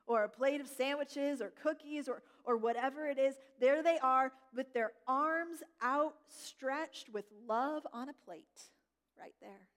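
A middle-aged woman pastor preaching a sermon, gentle and reflective, slowing down to stress key words. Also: fairly high pitch. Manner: gentle, reflective, slows for emphasis. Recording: long hall reverb.

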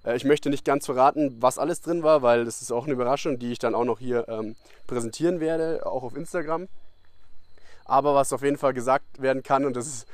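A man's voice: medium pitch, brisk, no room sound. A young man hosting a casual podcast, rambling from one topic to the next with lots of fillers and restarts. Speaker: podcast host. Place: abroad in Costa Rica.

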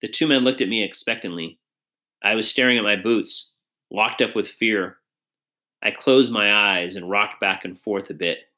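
Man reading a story in a bright tone. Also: fairly low pitch, steady tone, moderate pace. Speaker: audiobook reader. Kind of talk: first-person storybook narration.

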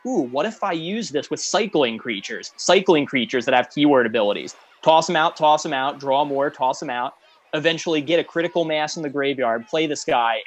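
A man co-hosting a casual chat about game cards, blunt and sarcastic with frequent laughs. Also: a little high. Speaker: co-host reviewing cards.

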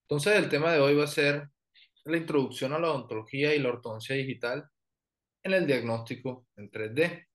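A man in his thirties from Colombia's Caribbean coast with that accent, an orthodontist explaining his work in an interview, relaxed with many fillers and restarts. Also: fairly high pitch, brisk. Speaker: orthodontist guest. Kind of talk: professional interview and presentation.

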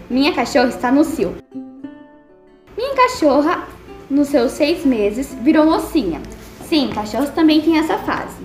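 A young female student reads her own story aloud in a lively, expressive way. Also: high-pitched, reverberant.

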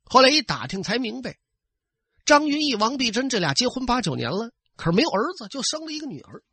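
A man spins an old tale in traditional storytelling style, his high, bright voice leaping about as he chats to his listeners. There is a husky grain to it. The sound is dry and close. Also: fast, dry recording. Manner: lively, conversational, addressing listeners.

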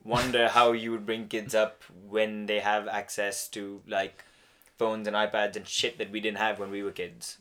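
A man musing on a podcast in a relaxed, sweary way. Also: fairly low pitch, normal speed. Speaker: podcast co-host. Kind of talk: casual chat.

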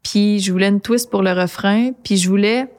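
A woman's voice: mid-range voice, fairly even intonation, a little mellow. Québécois singer-songwriter, woman, casual and reflective, lots of restarts. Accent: Québécois French. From Quebec. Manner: reflective, halting with many restarts. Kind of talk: casual interview chat.

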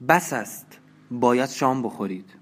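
A man reading an audiobook and voicing a lively, eager young woman who talks in an animated, caring and slightly coquettish way. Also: medium pitch, natural voice. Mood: eager, insistent. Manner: animated and concerned, a bit coquettish.

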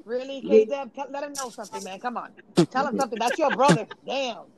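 A woman's voice: a little high, fairly quick, a loud crowd. A woman co-hosting a casual family podcast, sassy and blunt. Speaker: podcast co-host. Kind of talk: casual chat among family.

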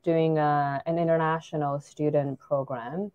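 With a low, smooth voice and fairly even intonation, a woman in her forties from China talks at a measured pace in a relaxed interview. She is a startup founder who reflects carefully, with many fillers and restarts, and the audio is narrow and tinny with no echo.

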